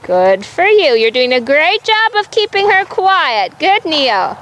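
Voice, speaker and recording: A woman riding instructor projecting brisk commands across an arena, firm and encouraging, often repeating short instructions. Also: sits high, sing-song, fairly bright tone, a little hiss or hum.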